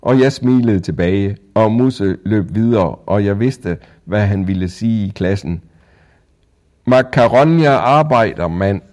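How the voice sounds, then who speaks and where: A man reading a first-person children's story aloud in a calm, even storytelling manner. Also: fairly low pitch, hardly any pauses. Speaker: audiobook narrator.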